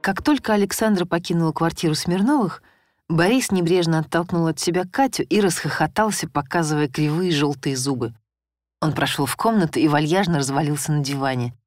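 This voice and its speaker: A woman reading a first-person story as audiobook narration, in an expressive storytelling manner. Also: low voice, brisk, no room sound. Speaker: audiobook reader.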